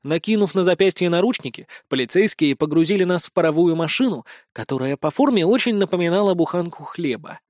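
A man narrating a comic fantasy audiobook in the first person, deadpan and even. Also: high-pitched, a little fast, few pauses, no echo, studio quality.

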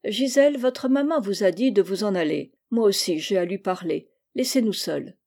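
A frank old family friend, as a woman reader puts him on, speaks bluntly and firmly. The voice stays mellow and unhurried in a storybook reading. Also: mid-range voice, gravelly. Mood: stern. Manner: blunt and stern. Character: frank, gruff but kindly old man.

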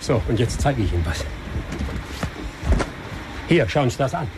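An actor playing a humble barber in a radio drama, a beaten victim who speaks earnestly and imploringly. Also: male voice, big pitch swings, measured pace, background noise. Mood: pleading. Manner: earnest, imploring, rising in pitch when upset.

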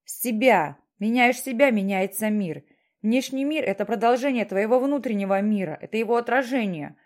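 A woman's voice: a little high, brisk, lightly acted. A woman voicing a stern, mysterious voice from the sky that questions and lectures insistently.

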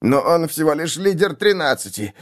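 A terrified cultist agitator, as a male narrator puts him on, squeaking and whining in a voice pitched far above the narrator's own. He pleads in panicked bursts and whimpers his way through each answer. The strained, quavering delivery leaves him sounding cornered and broken. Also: sing-song, moderate pace. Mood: terrified, pleading.

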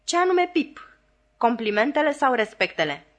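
A woman voicing a sharp-tongued, sarcastic, bossy housewife who scolds in a shrill voice. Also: big pitch swings. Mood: sarcastic scolding.

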